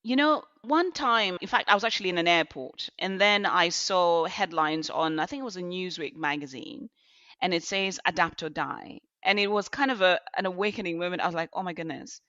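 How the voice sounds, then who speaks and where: Woman, middle-aged, bright tense tone, dry dull lo-fi sound. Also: on the low side, brisk, dry recording. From Zambia. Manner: reflective, storytelling with restarts. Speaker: guest. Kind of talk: podcast interview.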